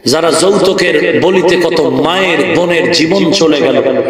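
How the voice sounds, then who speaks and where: A Bangladeshi man preaching an impassioned sermon, chanting and singing phrases and shouting rebukes. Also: a little high, a little slow. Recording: echoey open-air sound system heard from a distance.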